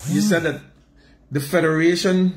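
A man's voice: on the high side, moderate pace, roomy sound. A man with a Caribbean accent hosting an unscripted sports radio interview, pressing with questions that he rephrases and repeats. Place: small radio studio, indoors. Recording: studio with faint background noise.

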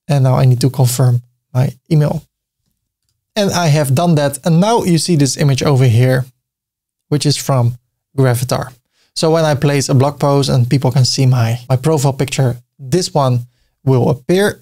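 A middle-aged native Dutch speaker from the Netherlands hosts a screen-recorded website-building tutorial, his mid-range voice gravelly and somewhat dark with a Dutch accent. He's friendly and chatty, cracking small jokes while clicking through his screen.

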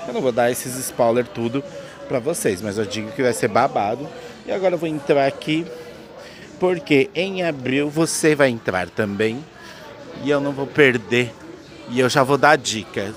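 A man's voice: medium pitch, fairly bright tone. A Brazilian man, playful and slangy, giving an informal on-location video report into a handheld microphone, addressing viewers directly. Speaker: reporter, presenter. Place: outdoors at an amusement park. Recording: clear outdoor ambient noise.

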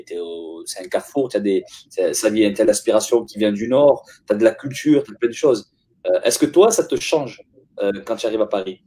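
Casual male host, husky voice, relaxed questions to a friend. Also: lowish voice. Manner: relaxed, familiar, prompts with short questions. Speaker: interviewer, host.

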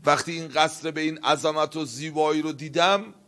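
A man preaching a sermon, telling a story with acted dialogue and swinging from hushed tones to loud outbursts. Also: a little high, steady tone. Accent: Iranian Persian.

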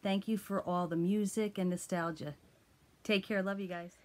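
Friendly woman, even delivery. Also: medium pitch, moderate pace. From Connecticut. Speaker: fan sending a greeting.

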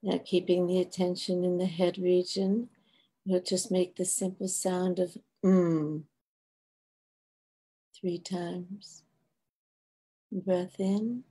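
Meditation guide: older woman, soft hushed spa-like delivery, husky and very slow, long pauses. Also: lowish voice, little pitch movement. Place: bright room at home, indoors. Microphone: video call microphone.

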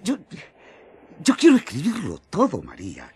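John, a fervent, very animated disciple. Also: male voice, a little high, breathy edge, exaggerated voice. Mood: eager, fervent. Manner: emphatic, halting with eagerness, coaxing. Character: John the apostle, earnest, fervent, excitable male disciple. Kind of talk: radio drama acting in colloquial Spanish.

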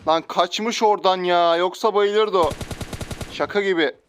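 A man's voice: sits high, unhurried, a bit bright, slight background noise. A man giving live gameplay commentary as a gaming video host, taunting enemies and chatting to viewers. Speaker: gaming YouTuber.

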